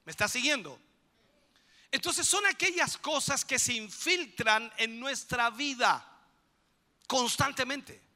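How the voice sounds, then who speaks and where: A man preaching a sermon as pastor, building to shouted peaks and calling for amen. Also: very high-pitched, lively intonation, slow pace, long pauses, long reverb tail. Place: church.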